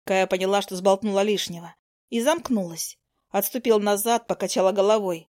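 A woman's voice: mid-range voice, a little fast, darkish tone. Woman narrating a fantasy audiobook. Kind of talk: first-person audiobook narration.

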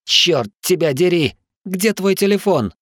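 A man voicing Lars, a Dutch man who pleads with and calmly reasons with a friend. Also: mid-range voice, normal speed, no echo, studio quality, voice pushed up, natural voice. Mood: pleading.

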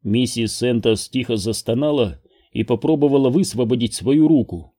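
A man reading an audiobook aloud in a slow, measured, even manner. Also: medium pitch, breathy edge. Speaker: audiobook narrator. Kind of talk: scripted narration.

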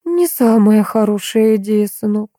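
A woman's voice: mid-range voice, animated, a little slow, warm tone, no room sound, voice pushed up. Susan, read by a woman, a firm mother. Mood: disapproving. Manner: firm, commanding. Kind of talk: audiobook reading.

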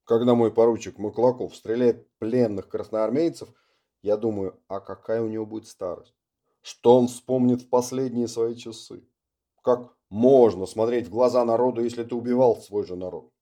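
Male reader as a bitter Russian colonel in an audiobook: weighty, emphatic delivery in a very dark voice. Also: mid-range voice, steady tone, normal speed, natural voice. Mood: grave. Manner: heavy, emphatic.

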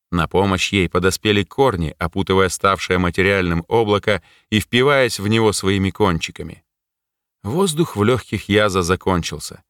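Low-voiced male audiobook narrator. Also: fairly bright tone, clean tone, no room sound, studio quality. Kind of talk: scripted narration.

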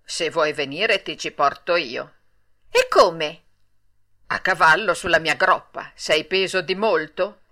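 A large, calm storybook pigeon, voiced by a woman, matter-of-fact and helpful. The voice is pitched lower than the reader's usual voice but stays bright and clear. He talks steadily and plainly. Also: slow. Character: big male pigeon, calm helper.

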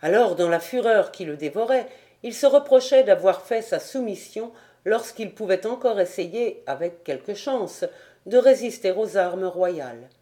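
Mellow woman reading a novel aloud. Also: medium pitch. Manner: steady, measured reading. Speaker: audiobook reader. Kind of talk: audiobook narration.

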